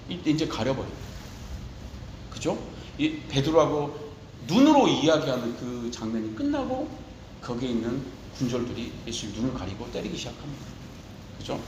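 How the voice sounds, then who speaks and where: A man's voice: medium pitch, echoey room, background noise. A man preaching a sermon as pastor, impassioned, shifting into tender quoted speech.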